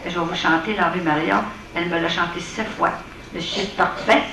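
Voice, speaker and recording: Heard distantly in an echoey hall with a faint hiss, a woman shares a sincere, plain personal testimony at an evening prayer gathering. She speaks at normal speed with a Quebec French accent, her lowish voice steady, gravelly, pushed, and bright.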